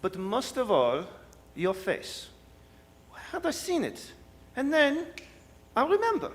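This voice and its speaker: In a staged radio drama, a man voices a suave, scheming French villain with a French accent, courtly, wordy and sardonic, and gloating. He speaks slowly in a very high voice with huge pitch swings, heavily acted. The live hall gives a long reverb and a noisy sound.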